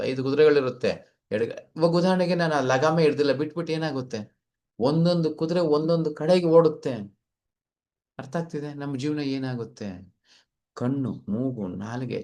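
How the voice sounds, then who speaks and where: Male teacher, middle pitch, story-led scripture class, keeps checking the listeners follow. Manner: asks the listeners to confirm, acts out short dialogues in stories. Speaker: spiritual teacher. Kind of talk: Gita class lecture with stories.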